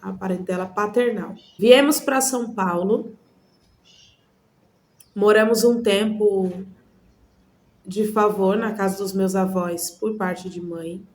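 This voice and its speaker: A woman from Goiânia, Brazil, giving an earnest personal testimony to camera, speaking in measured phrases with frequent pauses. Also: mid-range voice, darkish tone.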